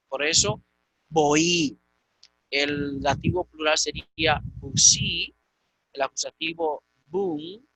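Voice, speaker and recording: A man teaching a Greek grammar lecture, patiently repeating and slowly spelling out word forms. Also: on the high side, bright, forceful tone, dry recording, poor audio.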